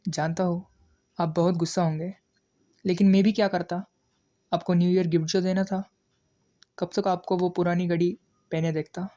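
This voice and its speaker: A sheepish teenage son apologizes to his father in a student drama, played by a young man. His voice is mellow and soft. The recording sounds dull and lo-fi. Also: sits high, level tone, normal speed, pauses often, lightly acted. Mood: apologetic. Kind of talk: amateur student drama acting.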